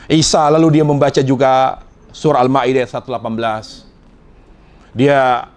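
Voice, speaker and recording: A man preaching a sermon to a congregation, telling the story with emotion, his voice jumping up high and then fading to quiet endings. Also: moderate pace, clear, resonant tone. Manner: emotive storytelling with sudden swings in pitch and quiet trailing endings. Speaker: Islamic preacher. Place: lecture before a congregation.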